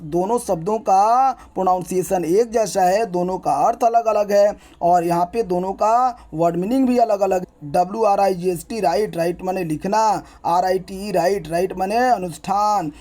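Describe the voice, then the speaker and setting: A young man teaching an English grammar lesson, spelling out words letter by letter and explaining them in a brisk, repetitive teacherly way. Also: sits high, dark tone.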